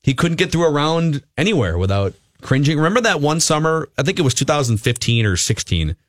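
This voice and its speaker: A man's voice: fairly high pitch, big pitch swings, a little fast, dry recording, studio quality. A man with an American accent talking as a sports talk radio host, conversational and ad-libbing between banter and live reads.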